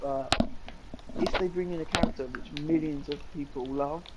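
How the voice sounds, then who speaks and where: A man's voice: a little high, moderate pace, heavy background noise. A young man, co-hosting a casual live-stream chat, rambling eagerly with lots of fillers. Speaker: co-host.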